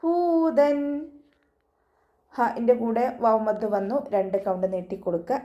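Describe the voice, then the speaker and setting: A woman's voice: mellow, lo-fi sound. A woman teaching Quran recitation rules in an online class, patiently correcting pronunciation step by step. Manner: chants verses slowly and higher between explanations. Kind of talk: tajweed lesson with slow recited verses.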